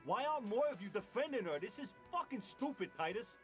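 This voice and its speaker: An indignant voice with a raised, lively pitch plays a loyal young dockworker in a video game, as a man puts him on. He sounds fed up. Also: brisk, faint music behind.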